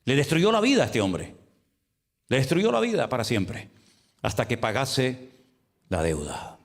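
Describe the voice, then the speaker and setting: A male pastor with a Spain Spanish accent delivers a sermon in a mid-pitched voice. He preaches with energy, putting questions straight to his listeners, and moves between calm explanation and urgent emphasis. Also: unhurried. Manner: lively preaching with rhetorical questions and acted-out quotes.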